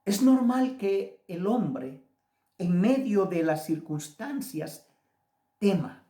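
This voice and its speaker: A man's voice: high voice, animated, dark tone. A man with a Guatemalan accent, a pastor giving a devotional sermon and speaking straight to his listener. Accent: Guatemalan Spanish. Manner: deliberate, addresses listener directly. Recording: roomy echoey room.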